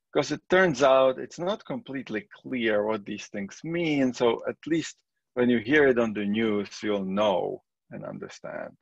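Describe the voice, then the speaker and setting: A man's voice: medium pitch, vocal fry, no echo. Czech accent guy, middle aged, chatty online lecture, dry slightly muffled mic. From Czech Republic. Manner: relaxed, conversational, with restarts. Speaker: statistics professor.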